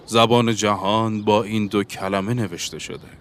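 A man's voice: lowish voice, flat delivery, a bit bright, slight background noise, natural voice. A man reading the part of a bookish Englishman, earnest and lecturing, in an audiobook. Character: bookish Englishman seeking a universal language.

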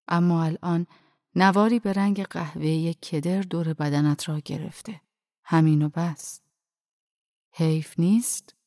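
A calm, firm old dervish, as a woman reads him. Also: deep voice, no echo, clean studio sound. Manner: quiet, firm but gentle, often half-whispered. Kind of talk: audiobook narration.

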